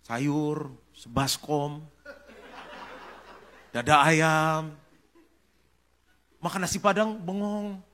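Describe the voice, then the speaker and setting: Bright-voiced pastor telling comic stories. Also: male voice, on the high side, steady tone, extremely slow, pauses often. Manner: comic storytelling, acts out dialogue. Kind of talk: humorous testimony sermon.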